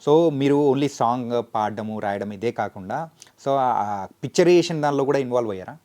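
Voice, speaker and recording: A man's voice: medium pitch, expressive, normal speed, a little mellow. A man hosting an interview, asking questions and affirming his guest. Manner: encouraging, frequent affirming hums. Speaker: interview host.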